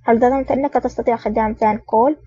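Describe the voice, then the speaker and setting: A woman's voice: fairly high pitch, steady tone, racing, dark tone, slightly rough. A woman reading the lines of an arrogant, threatening male gang boss in an audiobook. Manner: barking, threatening. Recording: dull lo-fi audio.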